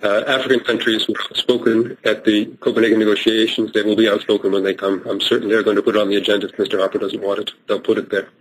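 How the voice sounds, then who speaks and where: Brief: male panelist, somewhat low voice, halting delivery. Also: little pitch movement, breathy edge, low-quality recording. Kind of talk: press briefing answers.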